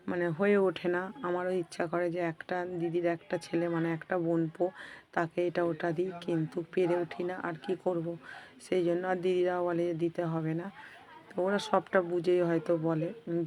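A woman vlogger, hoarse from a cold, chats with her viewers as if they were friends while cooking in her home kitchen. Her voice is low and rather flat, suited to a casual home vlog.

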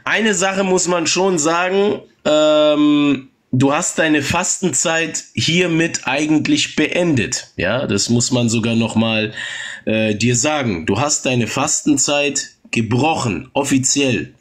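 Male stream host, casual chat; calm, mocking delivery full of tag questions; mixes German and English. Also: fairly high pitch, takes it slowly. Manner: switches between German and English. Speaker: livestream host.

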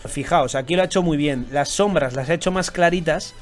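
A young man with a Spanish accent from Spain, giving casual, slangy reaction commentary with loud excited outbursts. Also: a little high, a little fast. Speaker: YouTuber reviewing fan tattoos.

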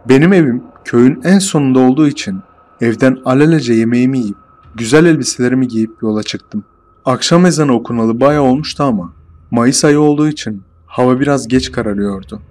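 A man telling a first-person horror story in a steady, measured storytelling voice. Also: medium pitch.

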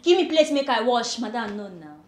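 A woman's voice: on the high side, sing-song, brisk, echoey room. A woman with a Nigerian accent playing a stubborn, cheeky house help who pleads and laughs her way out of chores, mixing Pidgin and English. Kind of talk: comedy film acting.

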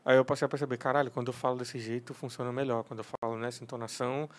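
Fast-talking Brazilian comedian. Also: male voice, medium pitch. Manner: relaxed slangy storytelling. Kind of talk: casual podcast chat.

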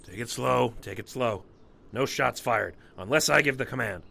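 Earnest police captain, acted by a man, very gravelly, sharp, commanding, radio noir. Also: mid-range voice, moderate pace, full character voice. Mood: urgent, steadying.

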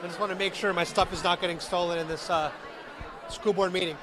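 A man's voice: high-pitched, steady tone, fast. A young man hosting a live vlog, chatting upbeat to viewers and interviewing people with a handheld mic in a large meeting hall. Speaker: street interviewer and livestream host. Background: murmuring crowd.

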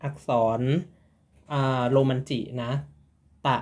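A man teaching a casual online Japanese lesson, slowly repeating syllables and explaining each sound in a friendly, informal way. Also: darkish tone.

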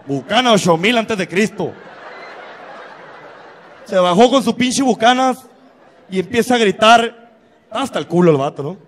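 A man with a Mexican accent doing profane, animated stand-up storytelling. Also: high-pitched, long reverb tail, a little hiss or hum. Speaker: stand-up comedian.

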